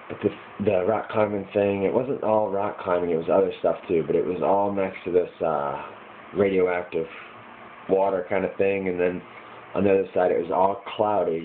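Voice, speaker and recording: American man, deep voice, hazy puzzled dream recounting, casual rambling, muffled noisy recording. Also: steady tone, normal speed. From United States, Michigan. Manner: hazy, puzzled, groping to remember. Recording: muffled lo-fi with clear background noise.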